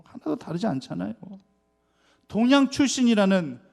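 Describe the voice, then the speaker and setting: A man preaching a sermon in a church, his voice sitting a little high for a man. He puts rhetorical questions to the congregation and shifts between loud, punchy emphasis and soft, quick asides. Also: sing-song, creaky. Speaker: pastor. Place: church sanctuary.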